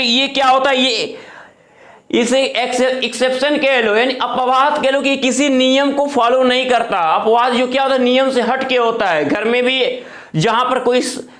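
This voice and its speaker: In a classroom lecture, a male teacher explains grammar rules step by step, repeatedly posing questions to himself and answering them. His voice is very high for a man with a fairly bright tone, and the room echoes noticeably.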